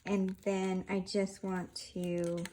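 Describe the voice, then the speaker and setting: A woman's voice: medium pitch, little pitch movement, warm tone, slight background noise, rough recording. A woman hosting a casual craft tutorial, talking through each step of her handiwork as she goes. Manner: unhurried, narrating each hand movement as she works.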